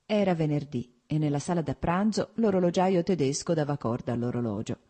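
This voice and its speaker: A woman reading a novel aloud as narrator, in a measured, literary way. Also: low-pitched, dark tone. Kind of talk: scripted narration.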